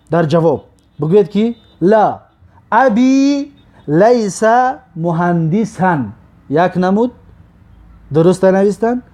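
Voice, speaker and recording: A man with a Tajik accent teaching Arabic grammar, slowly drilling example words and stopping to check understanding. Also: sits high, dark tone. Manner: slow, drawn-out drilling of example words, repeated for students; checks understanding with short asides. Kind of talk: recorded grammar lesson.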